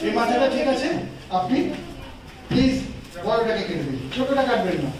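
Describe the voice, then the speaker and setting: Middle-aged magician guy doing showy patter for a crowd, high lively voice, far off in a super echoey hall. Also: brisk. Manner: showy, mixes English counting and patter into Bengali. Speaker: stage magician. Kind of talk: live magic show patter to an audience. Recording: distant, echoey room with crowd noise.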